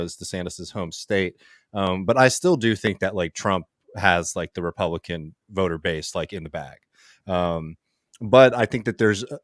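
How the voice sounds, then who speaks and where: A man's voice: low-pitched, dry recording, studio quality. A man co-hosting a political podcast in casual chat, rambling with many fillers. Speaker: podcast co-host.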